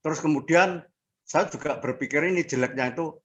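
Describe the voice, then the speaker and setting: A man in his sixties giving a casual personal testimony as an interviewee, speaking haltingly with fillers and restarts. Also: a little high, dull audio. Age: 60s. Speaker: interviewee sharing a health testimony.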